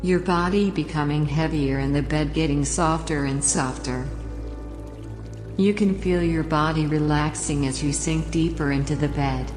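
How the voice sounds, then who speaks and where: A woman narrating a guided relaxation in a slow, lulling, soothing manner, like a sleep story narrator. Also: low-pitched, fairly even intonation, reverberant, long reverb tail, over music. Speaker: hypnosis audio narrator and trainer.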